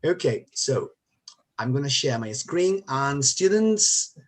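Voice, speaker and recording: A man's voice: mid-range voice, sing-song, slow pace, slight background noise. A man on a video call, hosting a quiz game for students as their teacher, upbeat and coaxing everyone to join in. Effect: heard over a video call. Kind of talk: casual online meeting talk.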